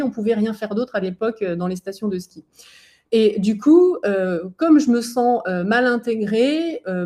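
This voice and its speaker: A woman's voice: mid-range voice, a little mellow. Chatty woman in her forties presenting. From southern France. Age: 40s. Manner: chatty, frequent hesitations, anecdotal asides. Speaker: former athlete giving a webinar talk. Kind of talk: conversational webinar presentation.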